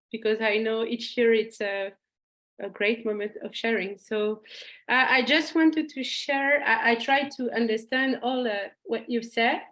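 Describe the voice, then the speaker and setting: A woman joining an online discussion over a video call, speaking hesitantly with many pauses. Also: fairly high pitch, a bit bright. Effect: heard over a video call. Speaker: citizen participant.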